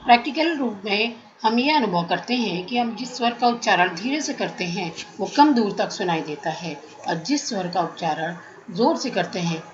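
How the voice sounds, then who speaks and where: A woman teaching a music theory class, explaining terms step by step in a measured lecture. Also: medium pitch, expressive, highs cut off, a little hiss or hum.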